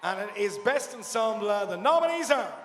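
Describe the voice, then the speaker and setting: Irish man, awards host, chatty and jokey, high voice, long hall reverb. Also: big pitch swings, normal speed, a bit bright, slight background noise. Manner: chatty and jokey, interviewing guests. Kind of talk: live awards ceremony hosting.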